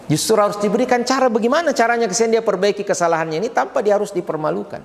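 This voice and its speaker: A man giving a mosque sermon, talking in an animated way and tagging his sentences with quick asides to the listeners. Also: high voice, gravelly. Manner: animated, frequent tag questions. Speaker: preacher. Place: mosque hall. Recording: reverberant mosque hall, faint ambience.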